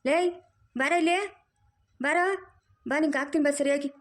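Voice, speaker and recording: A woman voicing a bossy, caring middle-aged village aunt, in a loud, scolding, teasing manner. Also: fairly high pitch, fairly even intonation, fast talker, lightly acted.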